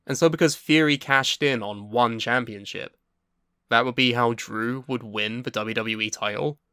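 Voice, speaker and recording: A young man co-hosting a casual podcast chat, swearing freely and bursting into excited yelling. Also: mid-range voice, smooth, dry recording, clean studio sound. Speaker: podcast co-host.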